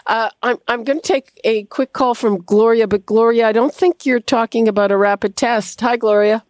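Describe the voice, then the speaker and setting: A woman's voice: on the high side, steady tone, moderate pace, a little mellow, no room sound. A woman hosting a call-in radio show, talking with frequent fillers and restarts. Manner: hesitant, many fillers and restarts. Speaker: radio host.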